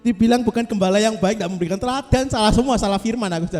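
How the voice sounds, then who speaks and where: A man's voice: high-pitched, very fast, darkish tone, big-room sound. A male pastor, giving a casual, joking devotional talk to a small group over a video call. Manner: joking, chatty, self-mocking.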